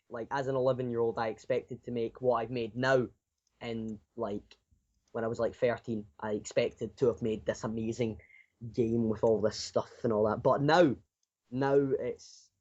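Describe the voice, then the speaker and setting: In a lo-fi recording, a self-taught indie game developer, a teenage boy of sixteen, gives casual, unscripted answers in an interview. His mid-range voice is a little mellow, and he tends to ramble and repeat his phrases often.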